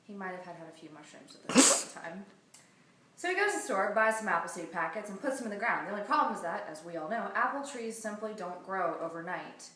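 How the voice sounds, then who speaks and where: Talking fast with lively intonation, a woman spins an improvised comic tale full of casual asides and conversational wandering. Her mid-range voice sounds pushed and bright, captured by a distant mic in an echoey room with faint noise.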